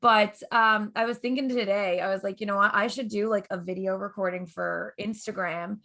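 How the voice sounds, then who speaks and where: A woman co-hosting a podcast in casual chat, her voice hoarse and gravelly, laughing often. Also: mid-range voice, steady tone, moderate pace, sharp tone. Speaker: podcast co-host.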